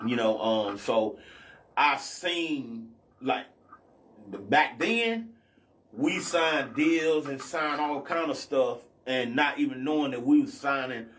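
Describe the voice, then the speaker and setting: Speaking slowly in a fairly bright, medium-pitched voice, a guest R&B artist from Athens, Georgia, US, in his 40s, rambles through a casual podcast conversation. He keeps checking in with the listener and sprinkles in "you know what I'm saying," over slight background noise.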